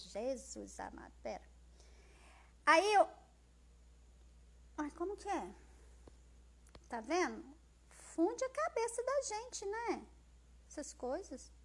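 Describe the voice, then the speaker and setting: Brazilian woman on a phone live, very high voice, loud and chatty. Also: a little slow, long pauses. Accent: Brazilian Portuguese. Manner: loud, forceful, expressive, chatty, reads out viewer comments. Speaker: social media live host. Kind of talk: casual live-stream talk.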